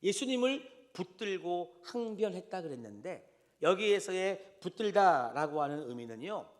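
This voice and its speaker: A male pastor delivers a sermon in a high, very lively voice. He acts out the people he quotes, swinging from soft asides to loud, sharp outbursts. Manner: animated preaching, acting out quoted voices.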